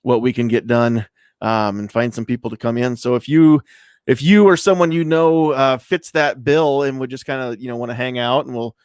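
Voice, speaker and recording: A man's voice: mid-range voice, steady tone, normal speed, darkish tone, clear, resonant tone, no room sound. Casual male podcast host, easygoing and rambling; resonant voice, dry room. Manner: loose and rambling, many fillers. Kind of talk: casual live-stream chat. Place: home studio room.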